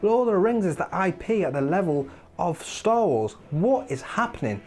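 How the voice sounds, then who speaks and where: A high-pitched male gaming video host speaks at normal speed through a countdown, his voice wearing thin. The commentary is casual, opinionated, and rambling with lively asides, and faint music sits in the background.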